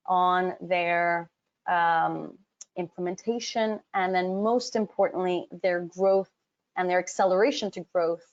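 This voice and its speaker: A woman from Hong Kong working as a business advisor, presenting a live webinar. She talks in a chatty, direct way, speaks to her audience often and fills her pauses with ums. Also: lowish voice, steady tone. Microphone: computer mic on a web call, camera off. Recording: dull lo-fi webinar audio.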